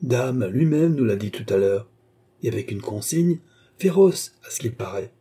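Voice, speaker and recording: A man with a husky, dark voice reading a distressed young queen who pleads breathlessly in a classic French novel audiobook. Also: mid-range voice, expressive, normal speed. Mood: exasperated.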